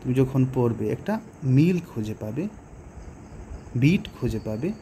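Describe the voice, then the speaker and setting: A man with a Bengali accent explaining a poem to students, slowly and patiently, with pauses and rhetorical questions. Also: medium pitch, lively intonation, warm tone, slight background noise. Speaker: teacher. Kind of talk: poetry lesson explanation.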